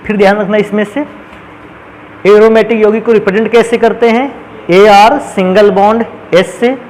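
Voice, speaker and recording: High-pitched male chemistry teacher, quizzing his class and answering himself, over faint background noise. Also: steady tone, moderate pace, darkish tone, poor audio. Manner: asks questions and answers them himself. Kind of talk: classroom lecture.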